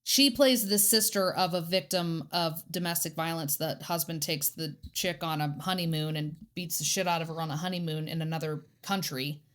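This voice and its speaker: A woman with a fairly low voice trades quick reactions on a true-crime podcast. She talks animatedly and swears casually. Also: steady tone. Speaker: podcast co-host.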